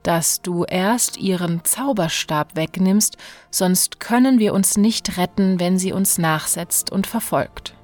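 A woman voicing a calm young man who gives careful, measured advice in a storybook. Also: on the low side, soft background music. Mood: advising.

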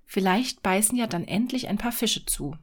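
A woman's voice: mid-range voice, expressive, moderate pace, breathy edge. A woman voicing a poor, modest fisherman in a fairy-tale reading, in a plain, sensible tone. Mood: plain, hopeful.

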